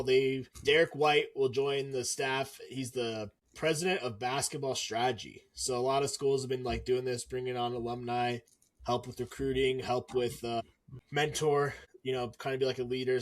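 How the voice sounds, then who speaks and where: A man's voice: mid-range voice, level tone, normal speed. A man chatting about sports as a podcast co-host in a slangy, frat-bro way. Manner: slangy bro-style talk. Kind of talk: casual sports banter.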